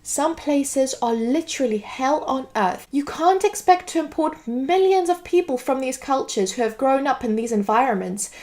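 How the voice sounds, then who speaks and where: A woman's voice: high voice, lively intonation, normal speed, few pauses, a little mellow. A woman from Greece delivering an earnest, lecturing monologue. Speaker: political video commentator. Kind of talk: scripted monologue to camera.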